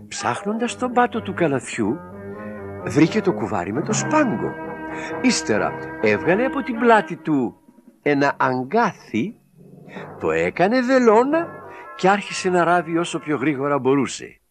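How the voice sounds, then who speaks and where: Lively man reading a children's story. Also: on the high side, pauses often. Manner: expressive, dramatic storytelling with voiced exclamations. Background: background music.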